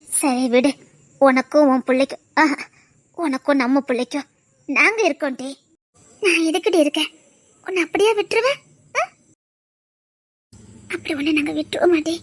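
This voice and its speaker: A woman's voice: sits high, no room sound. A woman acting in a family drama, speaking in an emotional, comforting way. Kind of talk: Tamil serial drama acting.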